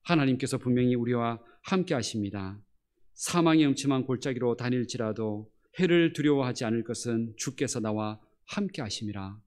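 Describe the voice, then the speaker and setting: A man's voice: medium pitch, moderate pace, darkish tone, clear, resonant tone. A male pastor delivering a year-end sermon in an earnest, exhorting manner.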